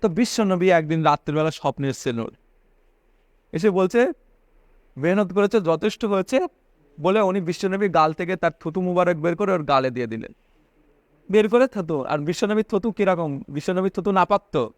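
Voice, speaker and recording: A man's voice: sits high, lively intonation, brisk, dry recording. A man giving a religious sermon, repeating phrases for emphasis and asking his listeners questions. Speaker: preacher.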